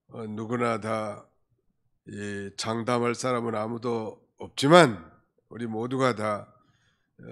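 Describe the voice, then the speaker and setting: A male pastor delivering a Sunday afternoon sermon in a conversational tone, with emphatic rises and quiet asides. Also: medium pitch.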